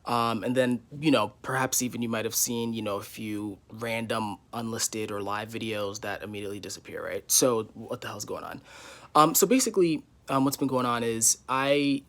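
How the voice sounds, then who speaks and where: A man's voice: fairly low pitch, normal speed, fairly bright tone. A man in his twenties giving a casual, candid vlog update from his living room, rambling with many fillers. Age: 20s. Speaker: YouTuber.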